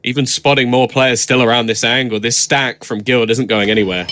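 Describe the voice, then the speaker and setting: A man's voice: mid-range voice, a little hiss or hum. Male esports caster calling live play. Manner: builds into excited, drawn-out calls at big moments.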